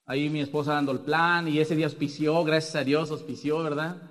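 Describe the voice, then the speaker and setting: Mexican man with a high, echoing voice. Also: level tone, brisk, fairly bright tone. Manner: rambling, tag questions after every point. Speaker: business speaker sharing success story. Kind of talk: motivational testimony talk.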